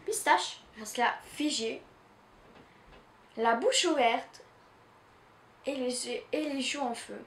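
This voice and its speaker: A woman from Canada reading a children's story aloud in an expressive, measured way. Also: sits high, roomy sound, a little hiss or hum. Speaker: reader.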